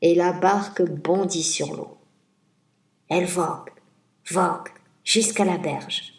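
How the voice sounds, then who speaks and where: Slow, rhythmic woman storyteller. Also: lowish voice, steady tone. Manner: slow, rhythmic, savoring listed words. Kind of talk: folk tale telling. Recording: roomy, distant mic.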